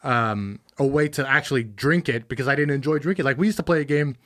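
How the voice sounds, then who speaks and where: A man's voice: medium pitch, quick pace, a bit bright. A man co-hosting a podcast, chatting casually and telling stories with a straight face. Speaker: podcast host. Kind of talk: casual chat.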